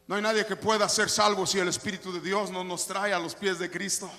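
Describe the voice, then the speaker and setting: A man preaching a sermon as pastor, emphatic, rising to shouts and dropping to soft, hushed asides. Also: high voice, level tone, fairly quick. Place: church sanctuary. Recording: long reverb of a church hall.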